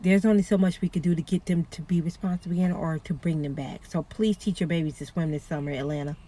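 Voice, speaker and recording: A woman's voice: fairly low pitch, steady tone, quick pace, warm tone. Chatty woman dispatcher. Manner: chatty, earnest, warns listeners with pleading repetition. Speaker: 911 dispatcher. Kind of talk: casual talk to camera.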